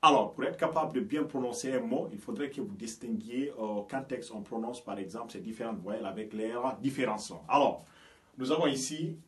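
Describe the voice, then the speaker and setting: A man from Guinea, an English teacher, giving a language lesson and often checking "ok?" with his listeners. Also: mid-range voice. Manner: explains slowly, often checks with "ok?" and "you understand me?". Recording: echoey room, voice from a distance.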